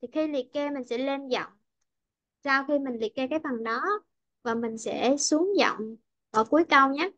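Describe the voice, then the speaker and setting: A woman's voice: high-pitched, normal speed, a bit bright, no echo. Woman teacher with a Vietnamese accent, lo-fi call. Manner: explains patiently, switching between Vietnamese and English examples. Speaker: English teacher. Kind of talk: online English lesson.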